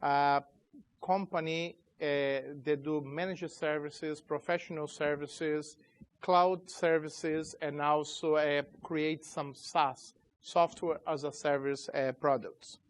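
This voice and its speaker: A slightly high-pitched man in his 40s, the CEO of a company, gives a flat, informal tech conference talk in a conference room. Portuguese is his first language; he's from Chile but grew up in Brazil, and he speaks haltingly with loose grammar.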